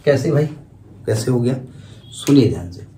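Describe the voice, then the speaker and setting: A man's voice: mid-range voice, animated, normal speed, warm tone. A man lecturing a math class, explaining step by step, repeating terms and asking the students questions. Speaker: math teacher. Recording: echoey room from far off, faint noise.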